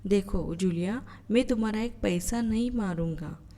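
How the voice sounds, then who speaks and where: A woman reading aloud the lines of an angry, stern male employer in a slow, mellow voice. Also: mid-range voice, lightly acted. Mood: calmer.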